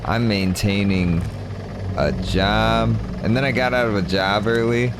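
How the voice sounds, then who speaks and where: Drowsy, deep-voiced young male streamer. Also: unhurried, background noise. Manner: drowsy, rambling, self-mocking. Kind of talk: casual gameplay commentary.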